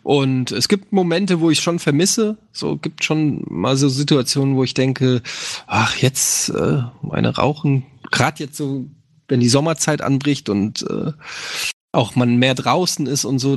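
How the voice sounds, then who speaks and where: Streamer man, thirties, slightly nasal, gravelly, loose rambling chat, dry close mic. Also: medium pitch, no room sound. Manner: relaxed, rambling, many fillers. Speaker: streamer answering questions. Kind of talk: casual chat.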